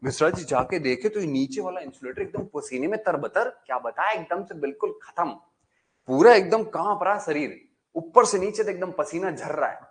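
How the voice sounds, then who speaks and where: A male engineering lecturer telling a humorous story in a lively, colloquial way. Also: a little high, moderate pace.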